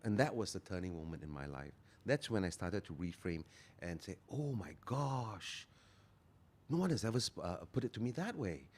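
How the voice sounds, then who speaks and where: A man, talking earnestly as a guest and slowing down to stress his key phrases. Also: low-pitched, big pitch swings, darkish tone. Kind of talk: motivational interview talk.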